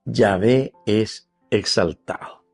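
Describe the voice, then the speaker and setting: A man with a Paraguayan Spanish accent giving a teaching Bible reflection, explaining slowly, repeating key words and addressing his listeners as dear friends. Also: on the low side, creaky, breathy edge, soft background music. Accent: Paraguayan Spanish, mixing in Guarani.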